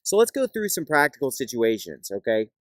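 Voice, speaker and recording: A man's voice: mid-range voice, very animated, a little fast, a bit bright, no room sound. A man hosting a casual discussion, asking questions and quoting scripture. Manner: inquisitive, steers the talk with questions and scripture quotes.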